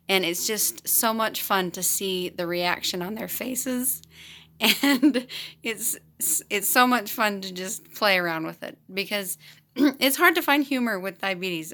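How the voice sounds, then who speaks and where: A woman's voice: mid-range voice, bright, forceful tone. A woman in her thirties, a teacher, casually telling a funny story to camera and laughing often as she goes. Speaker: teacher and vlogger.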